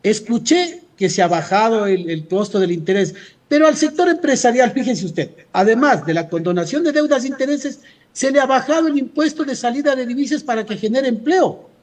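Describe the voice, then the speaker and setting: A man's voice: very high-pitched, animated, a little fast, a little mellow. An Ecuadorian man speaking as a union leader in a radio interview, arguing emphatically and often posing rhetorical questions. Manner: emphatic, insistent, rhetorical questions answered himself. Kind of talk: radio interview, argumentative commentary.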